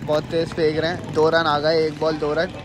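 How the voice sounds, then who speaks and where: A young Pakistani man, a vlogger playing on the team, gives eager ball-by-ball commentary on a night street cricket match, counting balls and runs and cheering teammates, though his high voice is completely flat at normal speed. It's recorded outdoors on a handheld phone with crowd noise.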